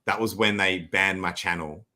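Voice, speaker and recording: This is a man with a fairly low voice, speaking as a guest on a livestream over a video call. He talks loosely and casually, swears freely, breaks into laughs and often restarts his sentences. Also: fairly even intonation, moderate pace, pushed and bright.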